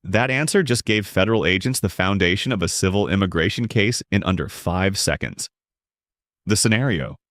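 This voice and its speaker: A man giving scripted narration that explains legal rights in a measured, emphatic way. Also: low-pitched, expressive, fairly bright tone, dry recording, studio quality.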